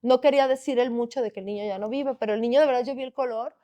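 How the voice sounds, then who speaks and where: A woman hosting a faith podcast, telling a personal testimony in an earnest, animated way with vivid quoted dialogue. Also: fairly high pitch, very fast, muffled recording. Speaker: podcast host sharing a testimony.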